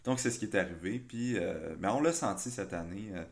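A man's voice: lowish voice, animated, fairly quick, creaky. A man with a Québécois accent who is a political columnist, speaking in a casual panel discussion and often stopping for fillers and restarts. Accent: Québécois French. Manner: hesitant, many fillers and restarts.

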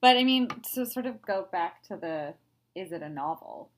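A woman's voice: fairly low pitch, moderate pace. Upbeat woman cohost on a book podcast, voice bounces all over, agrees a lot. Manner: upbeat, agreeable, lively intonation. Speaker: podcast co-host; writer. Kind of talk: casual chat.

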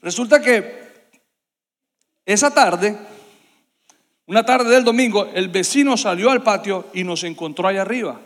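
Man, preacher, high voice, animated storytelling, sound effects, long hall reverb. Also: a little slow, pauses often. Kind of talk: sermon storytelling.

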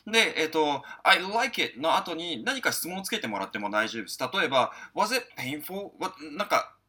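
Lively chatty man teaching English. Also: fairly quick. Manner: chatty, many fillers, lively pitch. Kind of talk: casual spoken lesson.

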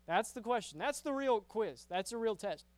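A man's voice: high voice, animated, normal speed, dry recording. A man preaching to a youth group in a casual, conversational way, often repeating words and checking in with "right?". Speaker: youth pastor.

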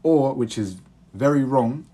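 A man's voice: mid-range voice, lively intonation, a little slow, dark tone, husky. A young man with a London accent hosting a podcast, chatting casually in roadman slang. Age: young adult. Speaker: podcast host. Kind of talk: casual chat.

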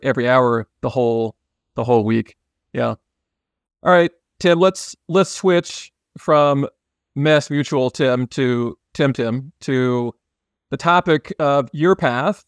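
A man's voice: mid-range voice, dry recording. Podcast host guy, stuffy congested nose voice, chatty interview, really dry audio. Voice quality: nasal, congested. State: congested after illness. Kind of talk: conversational interview.

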